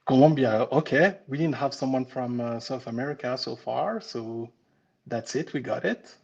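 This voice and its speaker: A Frenchman in his forties with a French accent hosts a casual live webinar on pastry-making. Chatty and warm-hearted, he often restarts his sentences and says "um" a lot. Through a computer mic on the live stream, his mid-range voice comes across at normal speed with vocal fry, a breathy edge and a muffled quality.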